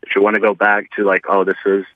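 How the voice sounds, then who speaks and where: Man in his twenties, radio show caller, phone-line sound, low flat voice, earnest, rambling. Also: quick pace, dry recording. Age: 20s. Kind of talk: casual call-in comments. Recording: tinny dry phone line.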